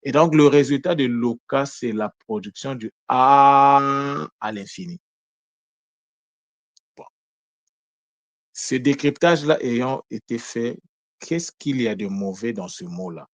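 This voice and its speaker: A man giving a lesson on word meanings, in a deliberate way that poses questions and answers them, often correcting himself mid-sentence. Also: medium pitch, no echo. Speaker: teacher of Kikongo word meanings. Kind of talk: explanatory lesson talk.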